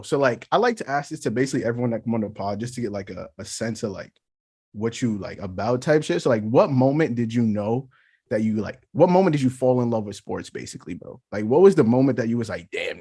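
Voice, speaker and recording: A man's voice: mid-range voice, lively intonation, fairly quick, darkish tone, husky, no room sound, clean studio sound. A man with a Queens, New York accent hosting a casual podcast chat in heavy, profane slang. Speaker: podcast host.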